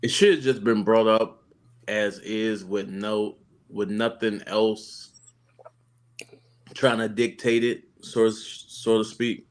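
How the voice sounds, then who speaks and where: A man in a casual relationship talk with a somewhat low voice. He speaks slowly and reflectively, pausing and restarting as he thinks aloud. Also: steady tone. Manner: reflective, halting with fillers and restarts. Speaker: co-host of a relationship channel.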